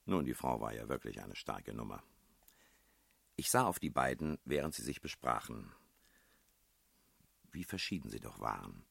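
Super deep gravelly guy reading a novel, dry close sound, expressive. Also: moderate pace, long pauses, no echo. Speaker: audiobook reader. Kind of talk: literary narration.

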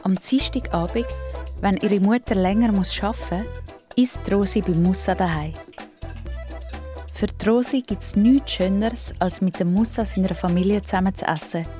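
A woman narrating a children's radio play in a gentle, clear storytelling manner. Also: medium pitch, normal speed, soft background music.

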